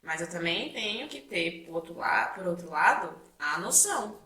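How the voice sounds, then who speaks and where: A woman's voice: on the low side, expressive, normal speed, sharp tone. A young woman co-hosting a casual chat, talking freely and often tagging her points with questions. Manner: chatty, frequent tag questions. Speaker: co-host. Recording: echoey room, mic at a distance.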